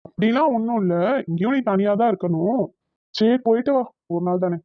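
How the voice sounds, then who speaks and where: A voice actor playing a calm, agreeable husband in a cartoon, with a voice pitched far below their own. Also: a little fast, no room sound, phone-quality sound, lightly acted. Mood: easygoing. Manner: easygoing, gently reassuring. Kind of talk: cartoon voice acting.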